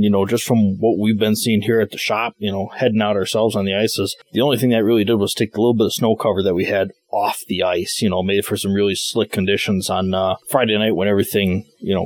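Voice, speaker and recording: A man giving a casual, rambling fishing report as an interview guest, often saying "you know". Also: fairly low pitch. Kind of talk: casual chat. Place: inside an ice shelter on display at a shop.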